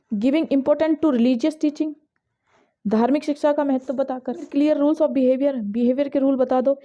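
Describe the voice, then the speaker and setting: A woman with an Indian accent giving an exam-prep lesson, reading English questions slowly and explaining them briskly in Hindi. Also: high voice, warm tone. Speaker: teacher. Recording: dull lo-fi audio.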